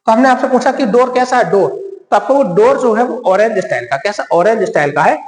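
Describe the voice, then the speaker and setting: A man's voice: high-pitched, lively intonation, a little fast. A man teaching an exam-prep lesson with memory tricks. He repeats each point, quizzes his listeners, answers himself and keeps calling them friend. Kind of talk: mnemonic-based classroom lecture. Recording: echoey room with long reverb.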